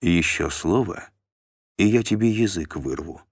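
Man voicing stern calm warlord, deep voice, quiet menace, dry close audiobook. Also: a little slow, dry recording, heavily acted. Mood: menacing. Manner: stern, low-key, menacing.

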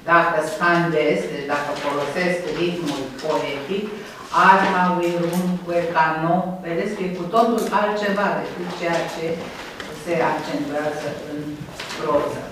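A university lecturer teaches in a very reverberant classroom, captured from well across the room with a faint hiss underneath. The delivery is patient and methodical. Examples are slowly sounded out, and the class is regularly asked to confirm they follow. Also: mid-range voice. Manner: patient explanation, slows to sound out examples, checks in with "da?" and "nu?". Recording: very echoey room recorded from a distance.

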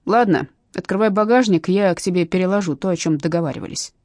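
A woman's voice: lowish voice, fast talker, darkish tone, no echo, natural voice. A woman voicing a shifty, thin male crook who hisses crude threats in an audiobook. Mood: angry hissing. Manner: hissing, snarling threats.

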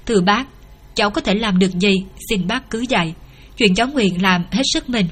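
A courteous, earnest young man addresses his elder with deference, as voiced by a woman narrator in her own voice. He sounds eager to help, and his speech stays polite and measured. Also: mid-range voice, breathy edge, lightly acted.

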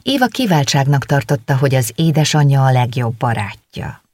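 An audiobook narrator telling a novel in a calm, steady way. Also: mid-range voice, no room sound. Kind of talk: scripted narration. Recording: dry close recording.

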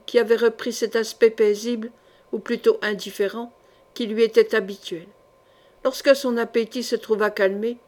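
Brief : narratrice femme, lecture mesurée et expressive, timbre assez haut. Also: female voice, a little high. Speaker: audiobook narrator. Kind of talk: scripted narration of a historical novel.

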